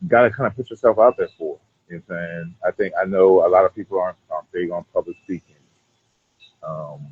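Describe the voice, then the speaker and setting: Deep, husky man chatting casually. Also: dry recording, phone-quality sound. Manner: rambling, repeats "you know what I'm saying". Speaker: cigar brand owner being interviewed. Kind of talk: casual conversational interview.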